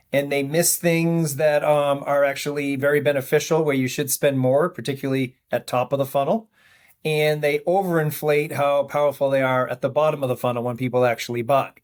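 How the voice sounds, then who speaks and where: A man with a Maine accent, speaking as a founder guest in a podcast interview, relaxed and self-deprecating, explaining at length. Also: mid-range voice.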